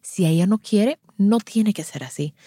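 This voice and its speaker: A lactation consultant sharing a story from a home visit, animated and acting out the people in it, reassuring as she gives advice. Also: medium pitch, measured pace, breathy edge, no room sound, studio quality. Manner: animated, acts out each voice in the anecdote. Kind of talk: personal storytelling.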